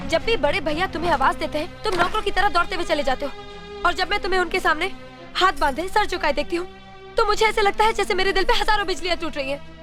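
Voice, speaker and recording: Brief: an indignant, high-voiced young wife, scored film scene. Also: female voice, fast, over music. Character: proud educated rich young wife, resentful. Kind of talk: 1990s Hindi film dialogue.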